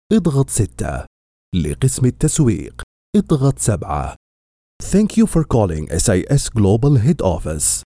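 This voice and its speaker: Guy doing a phone menu voice, really mellow and dark, big swings in pitch, formal announcer type. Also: dry recording, clean studio sound.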